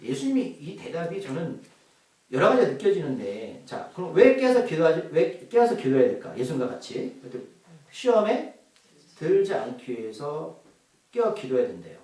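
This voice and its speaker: A man's voice: on the high side, wildly swooping pitch, normal speed, darkish tone. A man preaching a sermon as pastor, asking the congregation questions as he goes. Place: church hall. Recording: echoey hall, voice from far off.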